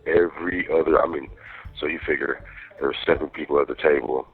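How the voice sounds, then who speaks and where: A man's voice: very deep voice, fairly even intonation, brisk, slightly rough, no room sound, faint music behind. A man chatting casually on a prison phone, telling things in streetwise, profane slang over a muffled call. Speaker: jail inmate calling partner. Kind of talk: casual private phone chat from jail.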